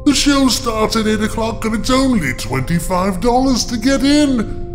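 A man's voice: very high-pitched, expressive, soft background music. A man voicing a creepy, theatrical librarian host who relishes every word and teases listeners as kiddies. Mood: sinister glee. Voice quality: drawn-out, relishing delivery with mock-menacing laughter. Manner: teasingly addresses listeners as kiddies. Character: creepy theatrical male librarian, gleeful and sinister. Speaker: show host character.

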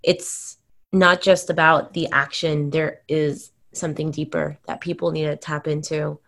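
A woman hosting a casual interview, thoughtful and affirming as she responds to her guest. Her voice sits low and stays fairly even in pitch. It carries a gravelly, creaky texture. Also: a little slow. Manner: reflective, affirming, softly hedged. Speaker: podcast host.

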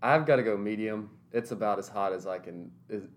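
A Tennessee man in his twenties, a teaching intern, answers interview questions in a brisk voice on the low side. He's earnest and thoughtful, restarting a few sentences.

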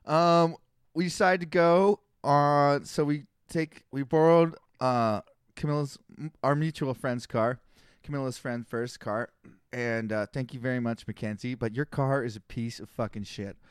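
A man's voice: medium pitch, a little slow, smooth, dry recording, studio quality. A young man co-hosting a casual podcast, telling rambling stories and complaining for laughs. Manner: complaining storyteller, deadpan gripes. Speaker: podcast co-host.

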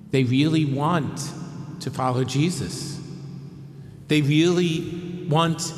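Guy giving a sermon, bit high voice, lots of church echo, slow gentle emphasis. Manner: measured, gentle preaching with slow emphatic pauses. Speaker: preacher. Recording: echoey hall with long reverb.

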